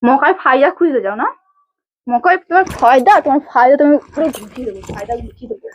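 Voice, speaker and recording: A woman's voice: high-pitched, expressive, rapid-fire, dull audio. A young woman scolding her husband in a heated domestic argument, repeating herself insistently. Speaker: vlogger's wife.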